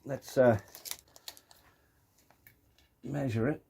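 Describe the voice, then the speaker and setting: Speaking extremely slowly, this man has a medium-pitched, fairly even voice that is gravelly, dark and slightly rough. He's a video presenter showing off his radio collection, giving a casual, unscripted hands-on demo into a handheld phone and explaining and repeating key points.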